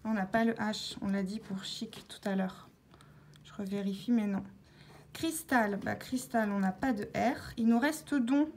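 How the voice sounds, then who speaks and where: A woman vlogger talking through her scratch-card tickets, calmly spelling out letters one by one as she checks each word, with scratching sounds behind her. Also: mid-range voice, unhurried, a little hiss or hum. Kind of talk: casual narration while scratching tickets.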